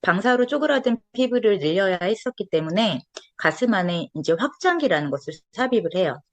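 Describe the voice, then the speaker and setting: A woman's voice: mid-range voice, sing-song, fairly quick, dry recording. A woman in her forties giving an earnest testimonial talk as a lecturer, recorded close and dry. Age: 40s. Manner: earnest, storytelling.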